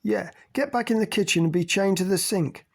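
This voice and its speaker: A man's voice: sits high, fairly quick, gravelly, pitched above the performer's own voice. A man voicing Ashanti, an accusing, militant woman, in an audiobook.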